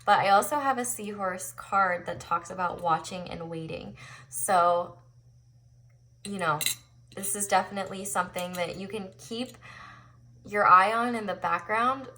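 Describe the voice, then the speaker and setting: A woman hosts a pick-a-card tarot reading. Her voice is bright and forward, at a middling pitch. She talks to viewers casually and encouragingly, as in a conversation. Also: measured pace. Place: indoors at a tabletop, overhead camera on the cards.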